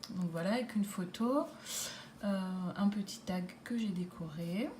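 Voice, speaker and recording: A woman presenting a handmade scrapbook album in a casual way, pausing often with fillers and restarts. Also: mid-range voice, warm tone, slight background noise. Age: adult with a daughter. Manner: hesitant, many fillers and restarts. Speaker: scrapbooking vlogger. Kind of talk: casual craft show-and-tell.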